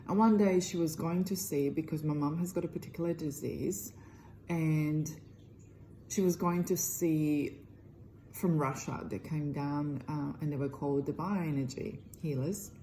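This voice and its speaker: A middle-aged woman with a Croatian accent talks earnestly to camera about her healing work. Her voice sits low and mellow, and her English is loosely phrased. A faint hiss runs underneath. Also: fairly even intonation, unhurried, poor audio. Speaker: energy healer. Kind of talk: direct-to-camera self-promotion.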